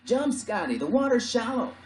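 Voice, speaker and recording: A man's voice: very high-pitched, sing-song, moderate pace, slight background noise, voice pushed up. Astonished American sailor, voiced by a male narrator, audiobook, echoey room. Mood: calling. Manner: calls out loudly in surprise. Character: American sailor, grown man, amazed.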